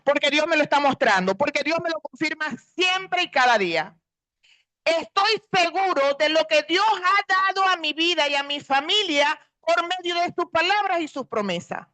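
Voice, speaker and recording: A woman's voice: high-pitched, expressive, normal speed, pushed and bright. A middle-aged woman pastor, preaching a sermon earnestly and stretching out key words for emphasis.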